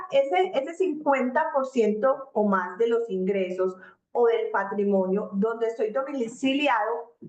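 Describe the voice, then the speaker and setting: A woman's voice: on the high side, darkish tone. A woman giving an explanatory tax seminar talk, conversational, often asking "right?" to check her listeners follow, and acting out example taxpayers in quoted asides. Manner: conversational, repeats "¿cierto?" to check understanding. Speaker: tax lecturer. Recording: echoey room.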